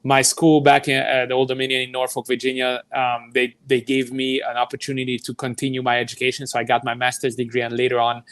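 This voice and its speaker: In a live interview, a man in his thirties from Hungary who directs youth soccer answers thoughtfully and at length, with frequent fillers and restarts in his Hungarian accent. He talks quickly with hardly any pauses, in a medium-pitched, completely flat, fairly bright and clean voice with no room sound.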